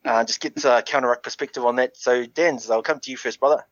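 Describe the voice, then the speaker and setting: A man hosting a casual rugby podcast in a matey, relaxed way. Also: mid-range voice, fast, dry recording. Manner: relaxed, matey, calls guests brother. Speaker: podcast host. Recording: dull lo-fi audio.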